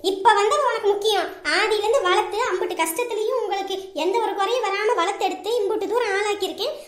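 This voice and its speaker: A woman playing a shrill, scolding mother-in-law. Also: quick pace. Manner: loud scolding, dramatic lamenting. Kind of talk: comedy skit acting. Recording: roomy echo.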